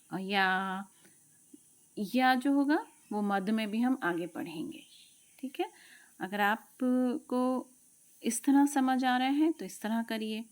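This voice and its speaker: A woman teaching Quran pronunciation, explaining patiently and slowly modelling each letter sound, sometimes dropping to a soft whisper. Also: mid-range voice. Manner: drops to a soft whisper at times. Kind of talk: tajweed lesson.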